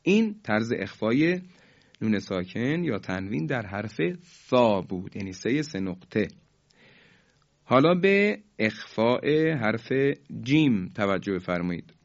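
A man teaching Quran recitation in a formal, polite manner, slowly stretching out each recited example for students to repeat. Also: on the low side, sing-song, muffled recording. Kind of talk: recorded tajweed lesson.

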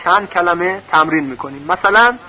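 A man's voice: high voice, animated. A man teaching a recorded lesson on reading vowel marks, patiently spelling out syllables one by one. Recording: dull lo-fi recording.

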